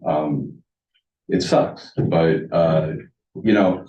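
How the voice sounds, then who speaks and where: Deep-voiced man, blunt and rambling, in a roomy hall. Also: fairly even intonation, very slow. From United States. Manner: blunt, rambling, restarts his sentences. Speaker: landlord speaking at public comment. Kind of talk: public comment at a village board meeting. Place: village board meeting room. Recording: roomy meeting hall, distant dull mic.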